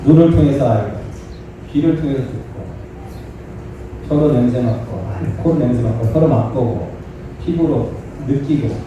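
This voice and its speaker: A man's voice: medium pitch, moderate pace, long pauses, distant mic, muffled recording, noisy background. A man giving a sermon as a monk. He talks in a conversational way, acts out quoted dialogue and puts questions to the audience. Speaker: monk giving a dharma talk. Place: temple dharma hall. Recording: echoey hall, voice from off the mic.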